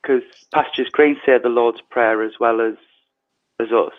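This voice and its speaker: A man leading an online prayer service, his voice tinny through an earpiece mic, reading prayers softly and slowly. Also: mid-range voice, steady tone. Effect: tinny sound from a changed earpiece mic. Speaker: service leader. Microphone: earpiece headset mic. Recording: tinny phone-like online call.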